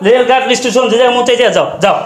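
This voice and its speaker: A man's voice: extremely high pitch, rapid-fire. An actor playing a brusque young husband who throws his father out to please his wife. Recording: echoey room.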